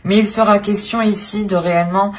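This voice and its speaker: A woman who hosts a channel gives viewers an improvised tarot reading, hesitating and often repeating or rephrasing while she hunts for words. Her voice is medium in pitch with fairly even intonation, and she talks a little fast.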